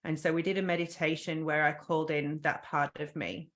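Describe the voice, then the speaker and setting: A woman's voice: deep voice, level tone, a little fast, fairly bright tone. A woman guest on a podcast, earnestly telling a personal story with frequent ums and restarts.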